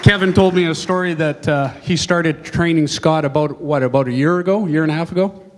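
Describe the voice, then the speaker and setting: Male event presenter, folksy and halting, speaking informally in front of an audience in a reverberant hall. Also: on the high side. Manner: casual, folksy, halting with frequent ums and pauses. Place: large banquet hall. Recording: echoey hall over PA, long reverb.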